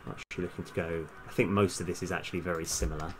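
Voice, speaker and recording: A man with a low, steady voice talks rapidly while chatting casually on a live coding stream, hesitating and trailing off as he thinks aloud. He's a game developer streaming live, with music and keyboard typing in the background.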